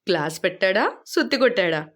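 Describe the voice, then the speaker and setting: A woman's voice: medium pitch, very animated, a little fast, fairly bright tone, voice pushed down. A woman reading the part of a joking young man who sells tires, teasing his friends in an easy, clowning way. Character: joking young male tire merchant, class clown.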